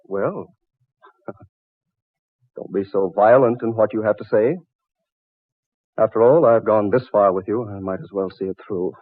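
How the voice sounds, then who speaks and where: A man playing a skeptical, level-headed yacht-owning gentleman in an old-time radio drama, with a thin AM radio sound. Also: lowish voice, a little slow, pauses often. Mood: conciliatory. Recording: tinny old AM radio recording.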